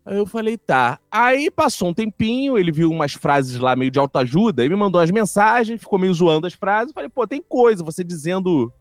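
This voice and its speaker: A man telling stories in casual podcast chat, animated and foul-mouthed, acting out what people said. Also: sits high, moderate pace, hardly any pauses, no room sound, clean studio sound, faint music behind. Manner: animated storyteller, swears freely, acts out quotes. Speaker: guest comedian.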